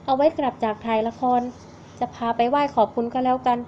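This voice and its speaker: A woman's voice: a little high, fairly even intonation, brisk, mellow, dull audio, a little hiss or hum, natural voice. A woman voicing a blunt young bodyguard. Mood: irritated. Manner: curt, dry.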